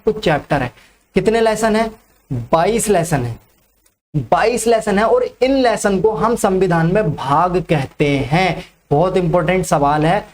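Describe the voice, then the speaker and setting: A man's voice: high voice, a little mellow, a little hiss or hum. A male teacher giving an exam-prep lecture, who keeps asking questions and then answering them himself, repeating the key facts and often adding "ठीक है".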